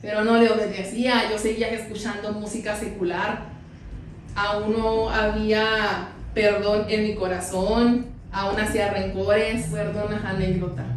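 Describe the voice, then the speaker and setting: A woman's voice: mid-range voice, very echoey, far from the mic, a little hiss or hum, rough recording. A woman pastor preaching a sermon and telling her own story with acted quotes. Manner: testimony told with acted quotes.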